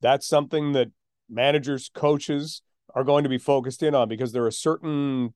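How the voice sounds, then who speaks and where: This sports podcast host and play-by-play announcer has a medium, somewhat mellow voice, a steady tone and a moderate pace. The recording is dry and studio-clean. His analysis is casual yet emphatic, and he frequently asks himself questions before answering them.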